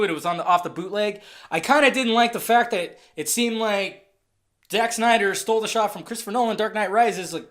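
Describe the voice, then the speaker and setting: Excitable, foul-mouthed male reviewer. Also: high-pitched. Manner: excitable, profane, ranting; swings between loud outbursts and muttered asides. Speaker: movie trailer reviewer. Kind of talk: casual ranting review.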